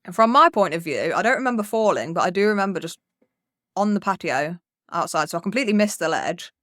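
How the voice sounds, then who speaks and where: A woman's voice: fairly low pitch, lively intonation, fast, fairly bright tone, no echo, clean studio sound. A young woman telling a rambling childhood story on a podcast, swearing freely and acting out what people said. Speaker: podcast co-host. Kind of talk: casual storytelling.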